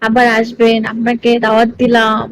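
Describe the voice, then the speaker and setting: A woman with a high, bright voice chats into her phone during a live stream. She teases and coaxes her viewers in a playful way and giggles between lines. A faint hum of ambience sits behind her. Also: monotone, moderate pace, rough recording. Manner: playful and teasing, coaxing viewers.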